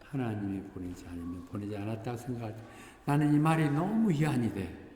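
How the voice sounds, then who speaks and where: An older man preaches in a relaxed, talkative way, jumping up in pitch whenever he acts out what someone said. His voice rings through a large church hall with a long reverb and a faint background hiss. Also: brisk. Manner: conversational, acts out quoted voices with animated pitch jumps. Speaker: pastor. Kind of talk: sermon.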